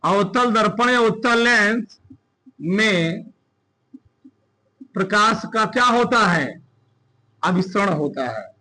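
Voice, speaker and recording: A male physics teacher dictating a classroom lecture, repeating phrases slowly and quizzing his students. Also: sits high, lively intonation, bright, forceful tone.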